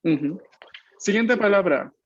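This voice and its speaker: A man with a high, expressive voice runs an online Italian class conducted in Spanish, slowly explaining, repeating what students say, and checking in often with quick tag questions. Heard through a video call mic, the audio has its highs cut off and crowd noise behind it.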